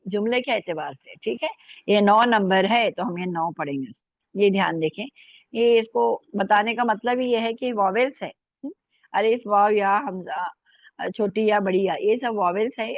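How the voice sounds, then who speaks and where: Heard on a dry, dull recording, this woman's mid-range voice guides students through an online Urdu lesson. She patiently spells out letters and syllables, checks in with them often, and keeps saying "ठीक है" and "है ना".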